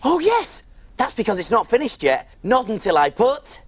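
Big friendly male cook; husky tone, lively pitch, jolly and teasing kids' TV energy. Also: normal speed, dry recording, exaggerated voice. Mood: cheery. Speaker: children's TV presenter. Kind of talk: children's TV acting.

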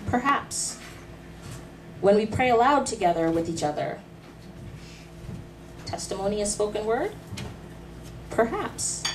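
This Canadian spoken word artist, a woman in her thirties, speaks a little slowly with frequent pauses, her medium-pitched voice animated. Seated before a live pub audience in a small dim room, she gives an earnest, rhythmic faith testimony with poetry, using rhetorical questions and light asides. She has a handheld mic held close, but a camera mic across the room records her from afar, low-quality with a faint hiss.

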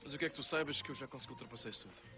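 An actor plays a young man in a soap drama, sincere and confessional. He has a European Portuguese accent and a mid-range pitch. He talks quickly, with music behind him. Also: natural voice. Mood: earnest, remorseful. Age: young adult. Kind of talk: television soap drama acting.

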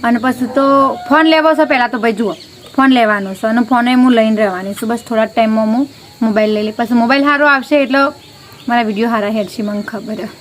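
Woman, family vlogger, casual chat, somewhat high voice, rambling and friendly, outdoor rooftop, phone mic, faint crickets behind. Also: a little hiss or hum. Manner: chatty, keeps adding a friendly filler word.

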